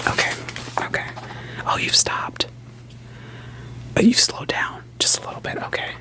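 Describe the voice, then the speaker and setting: A woman moves a little slowly through a calming ASMR session, role-playing a therapist as she whispers gentle, probing questions in a playful manner and echoes short phrases.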